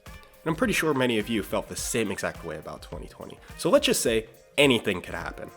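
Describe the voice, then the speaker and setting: A young adult man from Pittsburgh, Pennsylvania, hosting an economics channel in scripted explainer narration, energetic and mildly sarcastic. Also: on the low side, fast talker, soft background music.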